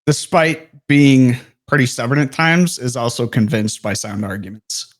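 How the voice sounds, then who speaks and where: A man's voice: medium pitch, expressive, unhurried. Easygoing man chatting about books. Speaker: podcast guest. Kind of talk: casual book discussion.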